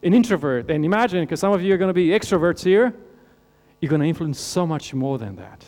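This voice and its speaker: A man from Romania preaching a sermon, asking earnest rhetorical questions and letting his voice fall low and soft at the end of phrases. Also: expressive, quick pace. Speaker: pastor. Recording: long hall reverb with mains hum.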